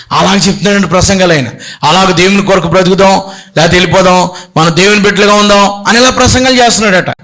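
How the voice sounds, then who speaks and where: Man, middle-aged, bishop, sermon, storytelling, fairly high voice, animated. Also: gravelly. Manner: animated storytelling, acts out voices, pleading shouts. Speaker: bishop preaching.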